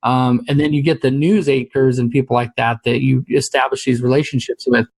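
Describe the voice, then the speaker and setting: A man's voice: mid-range voice, steady tone, a little fast, breathy edge, no echo. A man hosting a podcast interview, talking in a conversational way and checking in with his guest. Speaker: podcast host. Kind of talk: casual interview.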